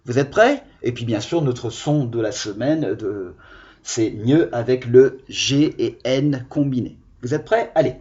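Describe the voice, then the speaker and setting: Slow, lively-voiced male teacher. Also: medium pitch. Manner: slow, deliberate, over-articulated syllables. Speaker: primary school teacher. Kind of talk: video reading lesson for children. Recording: dull lo-fi sound.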